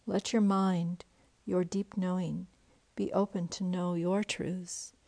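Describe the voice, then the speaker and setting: Slow, whispery woman guiding meditation. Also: lowish voice, level tone. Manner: slow, soft and breathy, often near a whisper. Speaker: meditation guide. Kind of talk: guided meditation.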